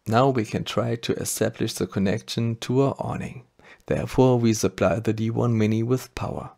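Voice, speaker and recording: A maker channel host with a German accent narrates a scripted electronics tutorial, explaining each step methodically. His voice is medium-pitched, creaky, and a little mellow.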